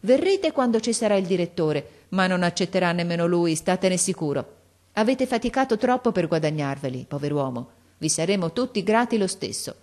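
A gentle, earnest schoolteacher speaks kindly and firmly, voiced by a woman narrating the story. Her tone is soothing yet insistent. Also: on the low side, animated, fairly quick, natural voice. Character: kind, gentle woman teacher at a school for the deaf.

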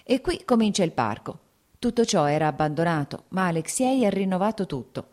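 An eager, emotional young noblewoman, as read by a woman narrator, her voice lifting higher than the reader's own low tone. She talks urgently and warmly about her happiness, in a storybook reading. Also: animated, a little fast, natural voice. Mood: fond. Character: young noblewoman, anxious yet blissfully happy.

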